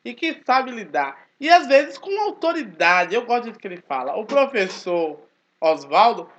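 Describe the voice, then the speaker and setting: Forceful man, dull lo-fi audio. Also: high voice, moderate pace. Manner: speaks forcefully, animated and emphatic. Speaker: channel host, Baptist churchgoer. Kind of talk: casual spoken commentary. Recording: dull lo-fi recording.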